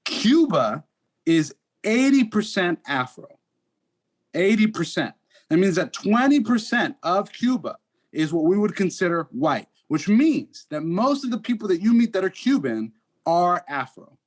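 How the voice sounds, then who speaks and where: A man's voice: high-pitched, sing-song, a little slow. A Dominican American man in a casual podcast discussion, explaining his views earnestly with statistics and many restarts. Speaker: podcast co-host.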